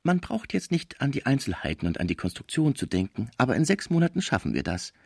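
A man voicing a smooth-talking male tombstone salesman with ingratiating sales talk. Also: medium pitch, very animated, fast, dry recording, clean studio sound, pitched above the performer's own voice. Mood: salesy.

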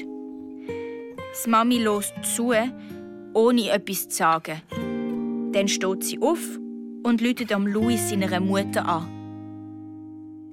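A woman with a Swiss German accent narrating a children's story in the first person, slow and expressive in a child's voice. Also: mid-range voice. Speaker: audiobook reader. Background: guitar music.

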